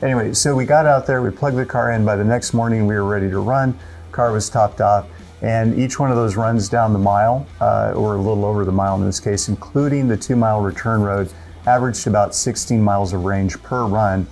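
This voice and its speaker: A middle-aged man with a low, gravelly voice, chatting in a studio in an easygoing, self-deprecating manner. Faint music sits under his talk. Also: a little fast, darkish tone. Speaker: co-host. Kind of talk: casual studio conversation. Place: indoor studio with a car.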